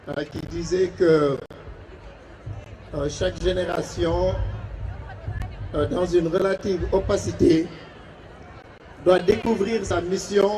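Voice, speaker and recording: Man, ceremony speaker through outdoor PA, fairly high voice, unhurried and hesitant. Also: darkish tone, distant mic, a little hiss or hum, rough recording. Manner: hesitant, many filler pauses. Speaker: guest speaker at a graduation ceremony. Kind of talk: formal ceremony speech. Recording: outdoor PA heard from afar, crowd behind.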